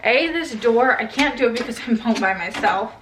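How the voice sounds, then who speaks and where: A woman's voice: fairly high pitch, moderate pace, recorded from a distance, noisy background. Chatty young woman in an echoey room. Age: 20s. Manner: chatty, swears casually, trails off and restarts. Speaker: lifestyle vlogger. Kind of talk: casual vlog chat. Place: bedroom at home.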